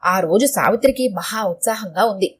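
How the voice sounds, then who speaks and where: A woman narrating an audio story with an expressive, lively reading. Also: medium pitch, moderate pace, slightly rough.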